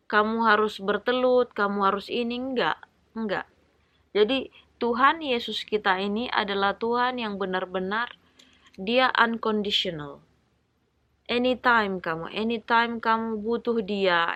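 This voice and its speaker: A woman's voice: medium pitch, sharp tone, no echo. A woman talking casually about faith and prayer, encouraging her listeners and acting out short prayers in a conversational way. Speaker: Bible study vlogger. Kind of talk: casual devotional talk.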